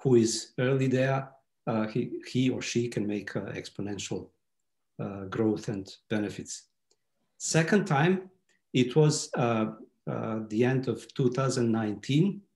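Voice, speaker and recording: A man's voice: mid-range voice, unhurried, a little mellow. Hesitant Serbian man in an echoey room. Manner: hesitant, many fillers. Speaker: guest speaker. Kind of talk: webinar presentation. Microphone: video call. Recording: roomy echo.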